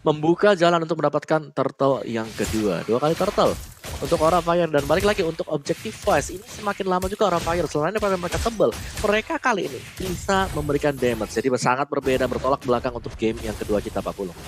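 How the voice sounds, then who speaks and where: Fast-talking Indonesian male esports analyst. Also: on the high side. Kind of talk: analytical game commentary. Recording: clear noise behind the voice.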